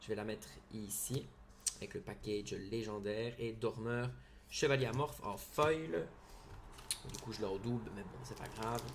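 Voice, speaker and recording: A man hosting a card-opening video, casually reading out card names one after another with short excited asides. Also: fairly low pitch, moderate pace, gravelly, a little hiss or hum.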